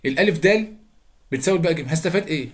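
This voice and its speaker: A man's voice: on the high side, expressive, very fast. A young man with an Egyptian Arabic accent teaching a geometry lesson, chatty, repeating steps and quizzing his students. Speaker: math teacher.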